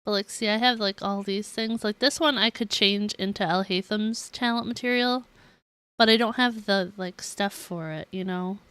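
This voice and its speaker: Over game music, a woman chats casually with viewers while streaming a video game, rambling and giggling and hedging with lots of "like." Her mid-range voice is fairly bright and smooth, at a moderate pace with no echo.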